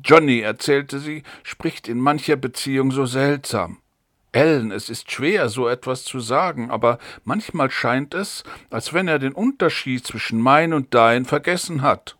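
A man's voice: mid-range voice, measured pace, fairly bright tone, dry recording, clean studio sound, lightly acted. A man reading the part of an earnest, trusting young woman in an audiobook, in a pleading tone.

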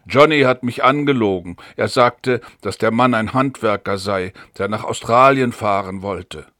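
A man's voice: fairly low pitch, a little slow, fairly bright tone, no echo, clean studio sound. A man reading the part of an earnest, trusting young woman in an audiobook, in a pleading tone.

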